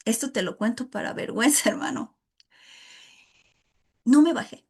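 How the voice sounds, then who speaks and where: A woman's voice: on the high side, expressive, moderate pace, breathy edge. A woman giving an informal, emotional sermon to a women's Bible study, calling her listeners "hermano" as she tells a personal testimony. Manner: addresses listeners as "hermano" often, emotional and earnest.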